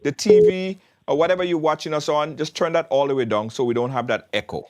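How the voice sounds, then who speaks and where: A man's voice: fairly high pitch, fast talker, a little mellow. A man hosting a live call-in show, urging viewers to phone in and taking callers.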